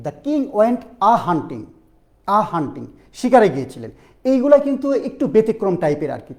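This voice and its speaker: ভর্তি পরীক্ষার অনলাইন ক্লাসে এক পুরুষ শিক্ষক প্রশ্ন করে করে ব্যাকরণ বোঝাচ্ছেন, মূল শব্দগুলো ধীরে ধীরে বারবার বলছেন।. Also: male voice, high voice. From Bangladesh. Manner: animated, questioning students, repeating key phrases slowly. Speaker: teacher. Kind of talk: online admission-prep English lesson.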